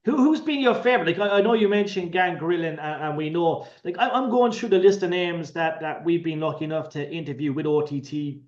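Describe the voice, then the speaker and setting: Echoey, higher-voiced Irish man, effusive. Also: brisk, hardly any pauses. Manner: effusive, rambling, sweary fan. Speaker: interviewer, host. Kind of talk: casual interview chat. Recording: echoey, dull lo-fi sound.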